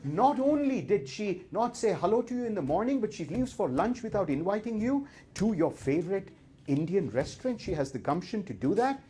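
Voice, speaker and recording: A man voicing his own furious inner monkey, a male voice that rants indignantly in a raised, husky pitch. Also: big pitch swings, fairly quick, warm tone, slight background noise. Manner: ranting, indignant, high-pitched outburst.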